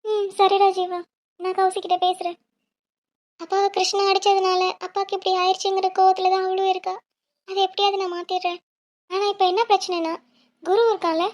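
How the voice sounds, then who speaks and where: A woman voicing a quick-tempered young female student, sharp and worried for her family. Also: very high-pitched, level tone, pitched above the performer's own voice.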